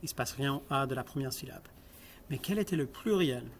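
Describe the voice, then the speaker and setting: A man's voice: medium pitch, lively intonation, fairly quick, a little hiss or hum. A man lecturing on linguistics, explaining step by step, asking the class questions and repeating example words.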